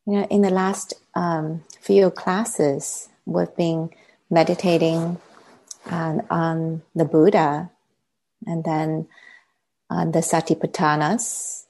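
Her voice low and barely moving in pitch, with vocal fry, a native Chinese-speaking teacher gently guides a meditation. She lets long, unhurried pauses settle between her words.

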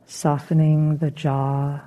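A woman with a deep voice and a level tone leads a guided meditation as a teacher. Her instructions come gently, in an unhurried, soothing manner.

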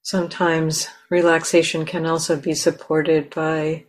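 A woman teacher guides a meditation gently and without hurry, leaving long pauses between phrases. Her voice is low-pitched and her delivery flat.

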